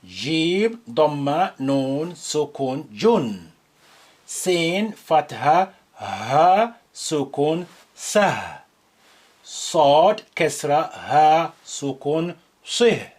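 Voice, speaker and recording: Lesson voice-over: an Arabic teacher, extremely slow, spelling out each letter and vowel, then the joined sound. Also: mid-range voice, sing-song, a little mellow. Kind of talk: slow syllable-by-syllable reading drill.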